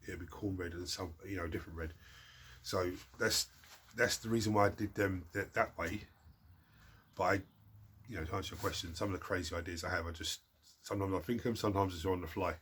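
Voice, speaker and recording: Speaking a little fast in a low, fairly bright and slightly rough voice, this man keeps his intonation fairly even. He's a hobby-channel host answering viewer questions in a casual chat, nose blocked from a cold, rambling and cutting himself off to restart words.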